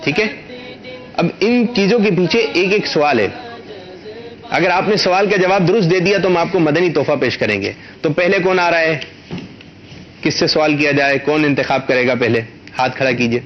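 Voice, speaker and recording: A man hosting a children's quiz in a studio, coaxing the kids patiently and stretching words out slowly when he teaches. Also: fairly high pitch, dull audio. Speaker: quiz show host for children.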